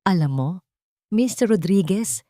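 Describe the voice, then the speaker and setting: A woman's voice: mid-range voice, expressive, mellow, no room sound, studio quality, close to an everyday voice. A woman voicing a cold sneering male villain. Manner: slow, sneering. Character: cold mocking male villain, half-brother.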